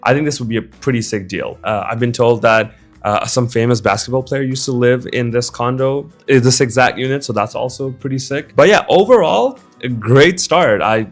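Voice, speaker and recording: A man's voice: mid-range voice, normal speed. Chatty young man over faint music. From Bangladesh. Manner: relaxed and chatty, casual slang. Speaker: vlogger touring apartments. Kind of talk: casual voice-over narration.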